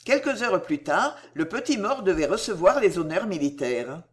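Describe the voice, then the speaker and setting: A narrator reading a war story aloud with an expressive, dramatic delivery. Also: mid-range voice, moderate pace.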